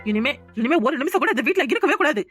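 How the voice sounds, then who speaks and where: A woman's voice: sits high, animated, quick pace, a bit bright, faint music behind. A woman voicing a jealous young wife in a Tamil cartoon, scolding and sarcastic. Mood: sulking. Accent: Tamil Nadu Tamil. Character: jealous young wife, sharp-tongued and sulking. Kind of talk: cartoon dub voice acting.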